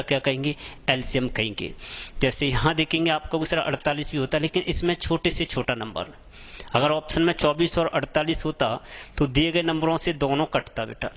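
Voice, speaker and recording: A male math teacher explains a lesson through a homespun story. He speaks in a chatty way, often calls his students "beta" and "sahab", and keeps asking whether they understand. His voice sits a little high for a man. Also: fairly bright tone. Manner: chatty, addresses students as beta and sahab, asks checking questions.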